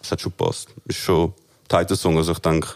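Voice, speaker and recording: A man with a Swiss German accent in casual chat, co-hosting a song review with slangy, enthusiastic, halting talk. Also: low-pitched, little pitch movement, creaky, a little mellow. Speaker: podcast co-host reviewing songs.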